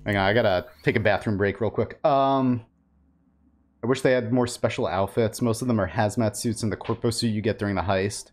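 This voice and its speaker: A man's voice: fairly low pitch, fairly quick. Rambling male game streamer. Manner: rambling, informal, reacting aloud. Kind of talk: casual live gameplay commentary. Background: game ambience.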